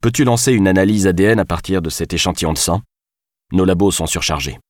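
A man's voice: deep voice, quick pace, dry recording, clean studio sound, lightly acted. A male narrator voicing a commanding investigator in a hurry. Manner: firm, commanding.

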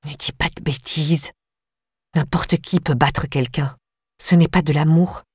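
A woman voicing a disturbed young woman, eerily calm and obsessive, in a slow, low murmur for an audiobook. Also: slightly rough, no room sound, studio quality. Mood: eerie calm.

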